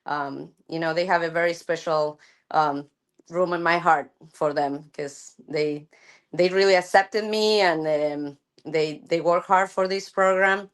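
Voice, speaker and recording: A middle-aged woman from Argentina, a softball coach chatting thoughtfully in an interview, with many fillers and restarts. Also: fairly low pitch, fairly even intonation, unhurried, clean tone. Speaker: college softball head coach. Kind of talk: casual interview chat.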